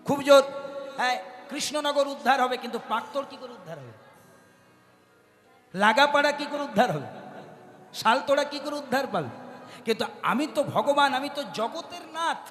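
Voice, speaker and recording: A man's voice: very high-pitched, expressive, moderate pace, long pauses, fairly bright tone. A man giving a devotional kirtan sermon who keeps turning to the audience with questions. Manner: addresses the audience directly with questions. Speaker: kirtan singer and preacher. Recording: long hall reverb with music.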